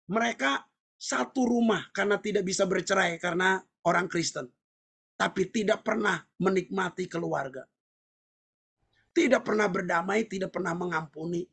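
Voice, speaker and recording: Seorang pendeta pria menyampaikan khotbah dengan penuh semangat, sering berseru dan tertawa di sela poin. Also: male voice, very high voice, creaky, breathy edge. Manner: animated, shouting and laughing between points. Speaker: pastor. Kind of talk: sermon.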